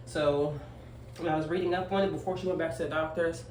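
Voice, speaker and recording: Grooming at home, a 25-year-old single-mom vlogger talks fast in a low, steady, slightly mellow voice, rambling with lots of fillers and emphatic asides. Sound is off-mic in an echoey room with faint noise.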